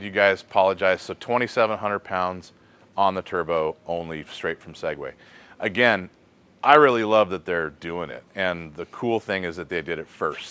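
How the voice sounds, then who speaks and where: A deep-voiced American man leads a laid-back shop chat. His voice is smooth and clear. He muses aloud and leans on easy fillers as he answers questions. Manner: relaxed, thinking aloud with fillers. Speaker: host of a shop question segment. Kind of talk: casual shop talk.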